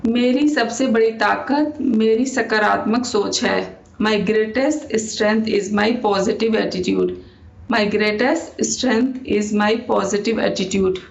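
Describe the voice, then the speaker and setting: A young woman gives an English lesson, saying every phrase slowly and twice over. Her voice has a gravelly, creaky edge. The recording is echoey and dull, like a bare room on a lo-fi mic. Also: mid-range voice. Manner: repeats each English sentence slowly and deliberately. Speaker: English teacher.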